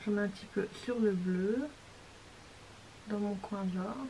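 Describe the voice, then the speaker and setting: A woman's voice: medium pitch, steady tone, unhurried, noisy background. A woman beauty vlogger talking through a makeup tutorial in a casual, chatty way, correcting herself as she goes and sometimes dropping to a near-whisper. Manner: chatty, self-correcting, describing each step.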